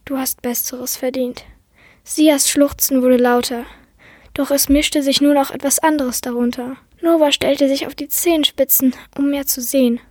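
A woman with a high voice reads a children's book aloud with expressive storytelling. The recording is close and dry, as in a small podcast setup. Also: moderate pace, no echo. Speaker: book podcast host and reader.

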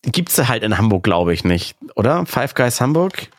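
A playful man in his thirties chatting casually on a podcast and steering the talk. His voice sits at an ordinary pitch. The recording is close and dry, with almost no room sound. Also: very animated, normal speed, no room sound. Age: 30s. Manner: playful, joking, leads the topics. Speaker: podcast co-host.

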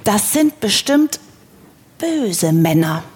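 A woman voicing a nervous little piebald pony with a high, worried, pleading voice. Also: sing-song, takes it slowly, darkish tone, a little hiss or hum.

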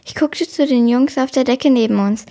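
Woman with a gravelly reading voice. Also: sits high, moderate pace, warm tone. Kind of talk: reading a book aloud.

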